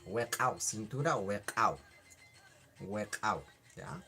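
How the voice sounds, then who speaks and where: A man teaching Quechua words in a casual live online class, repeating each word slowly and answering questions from the chat. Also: on the low side, lively intonation, sharp tone, faint music behind.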